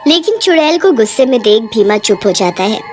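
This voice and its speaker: A woman narrates a cartoon tale in a fairly high, expressive voice. Soft background music plays under her steady, scripted storytelling. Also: brisk.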